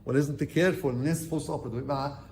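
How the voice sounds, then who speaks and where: Fast-talking Egyptian doctor lecturing interns. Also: male voice, medium pitch, fairly even intonation, gravelly, a little mellow, roomy sound, a little hiss or hum. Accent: Egyptian Arabic. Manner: quizzes the class, switches between Arabic and English medical terms. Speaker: surgeon lecturing medical interns. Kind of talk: orientation lecture.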